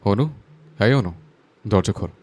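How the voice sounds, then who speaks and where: An actor playing a hot-tempered, jealous young man in an audio drama, pleading and shouting through a door. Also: lowish voice, measured pace, breathy edge. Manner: pleading then shouting threats.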